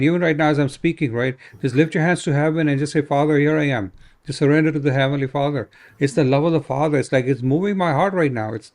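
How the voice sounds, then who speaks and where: Man, gravelly voice, fervent, exhorting, prayer ministry talk. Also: medium pitch, a little mellow. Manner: fervent, exhorting, repeats "right?".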